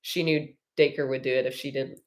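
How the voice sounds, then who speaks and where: A woman chatting casually about a book, animated and agreeing often. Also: a bass voice, normal speed. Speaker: book club member. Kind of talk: casual chat.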